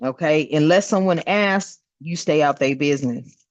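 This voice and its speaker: This tarot reader's voice is low and her pace moderate as she gives a casual spiritual reading, blunt, emphatic and full of swearing. The recording sounds dry, dull and lo-fi.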